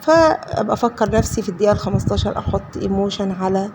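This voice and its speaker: A woman's voice: mid-range voice, animated, very fast, noisy background. A woman with an Egyptian accent chatting casually while cooking at home, rambling and self-deprecating, with frequent prayers. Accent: Egyptian Arabic. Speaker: vlogger, housewife. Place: home kitchen.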